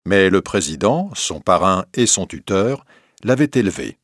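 A man narrating a classic novel aloud in a steady, measured reading. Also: low-pitched, dry recording, clean studio sound.

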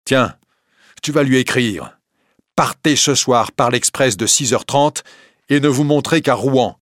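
A man's voice: medium pitch, a little slow, a bit bright, dry recording, studio quality, voice pushed up, natural voice. A man doing a furious jealous husband. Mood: commanding. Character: jealous, violent husband, a railway deputy stationmaster.

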